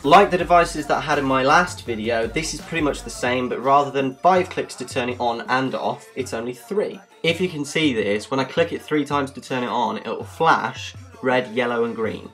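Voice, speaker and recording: A man's voice: medium pitch, moderate pace, hardly any pauses, fairly bright tone, soft background music. A man giving a casual, jokey product review, explaining things step by step.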